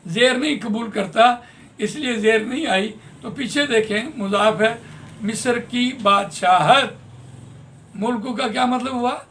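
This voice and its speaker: A man teaching Quran translation in a classroom lesson, patiently explaining grammar and repeating words slowly. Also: extremely high pitch, a bit bright, slight background noise.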